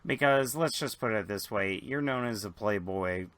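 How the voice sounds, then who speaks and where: A man voicing a brash, sharp-tongued woman who owns a ship, with a sassy, scolding manner. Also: lowish voice, normal speed, lightly acted.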